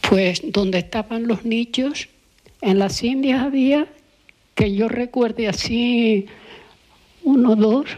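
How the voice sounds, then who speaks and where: Older Canarian woman interviewee, unhurried and halting, recalling old village customs, voice sitting a bit high. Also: a little mellow. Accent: Canarian Spanish. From La Palma, Canary Islands. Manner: halting, reminiscing, searches for words. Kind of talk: oral history interview.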